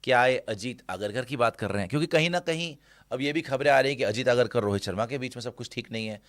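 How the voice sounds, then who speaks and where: A man's voice: medium pitch, quick pace, no echo, studio quality. A man hosting a casual cricket talk show, blunt and opinionated, mocking critics.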